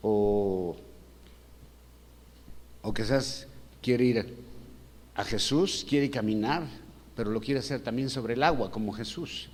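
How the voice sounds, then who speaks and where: A man's voice: lowish voice, takes it slowly, long pauses, a little mellow. A pastor, giving a conversational sermon and asking his congregation many rhetorical questions. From Mexico. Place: church hall. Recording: long church-hall reverb, faint background hum.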